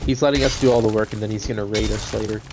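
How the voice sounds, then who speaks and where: A man's voice: on the low side, steady tone, racing, darkish tone, a little hiss or hum. A man joking around in a casual game stream chat, laughing a lot. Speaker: co-host streamer. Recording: music playing behind.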